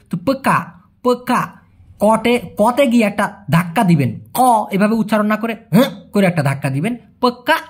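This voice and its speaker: Husky man teaching with lively pitch. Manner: chatty, explains with repeated questions and jokes. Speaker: language teacher. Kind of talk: casual language lesson.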